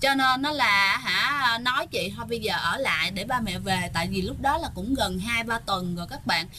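A woman's voice: a little high, moderate pace, bright, forceful tone, slight background noise. A woman casually telling a ghost story to listeners, chatty and full of fillers. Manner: chatty, addresses listeners often, many fillers.

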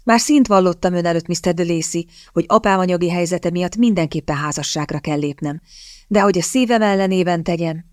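In a clean, echo-free studio recording, a woman with a fairly low, natural voice reads an audiobook part. She plays a scheming young woman hunting for a rich husband, pleading with feigned, theatrical desperation.

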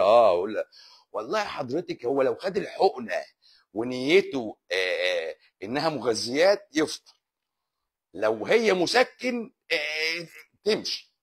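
A man with an Egyptian Arabic accent, a doctor hosting a live stream and answering viewer comments in a joking, teasing, sarcastic way. His voice is husky. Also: medium pitch.

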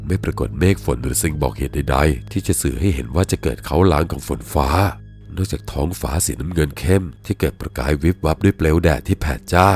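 A man narrating a first-person ghost story in a measured, solemn reading. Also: a bass voice, a little mellow. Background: faint music.

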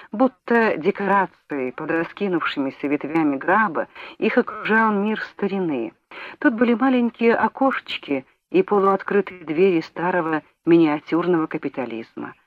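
A woman's voice: on the low side, dry recording. Woman reading a novel aloud. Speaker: audiobook reader. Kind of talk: scripted narration. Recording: dull lo-fi audiobook recording, dry.

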